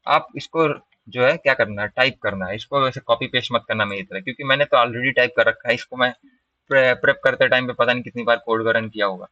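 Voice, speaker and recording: Bright-voiced man teaching code. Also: mid-range voice, fast talker, no echo. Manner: explains step by step, often asks "ठीक है?". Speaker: programming instructor. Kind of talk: screen-recorded coding lecture. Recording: dull, slightly distant dry mic.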